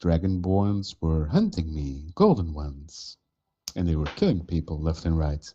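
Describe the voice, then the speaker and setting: A man speaking as a player in a tabletop game, musing slowly. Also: extremely low pitch, big pitch swings, warm tone, husky, lo-fi sound. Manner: slow, drawn-out musing. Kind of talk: casual in-character play.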